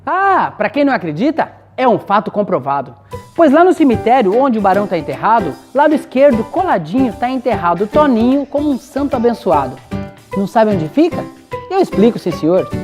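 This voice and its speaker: A woman's voice: on the high side, very animated, fairly quick. A woman with a Brazilian accent telling a rhymed folk tale in a rhythmic, dramatic way. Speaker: storyteller. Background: soft guitar music.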